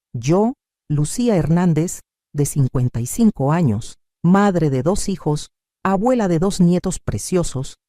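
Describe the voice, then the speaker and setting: Expressive woman telling a dramatic story. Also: low-pitched, no room sound, studio quality. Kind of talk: scripted first-person drama narration.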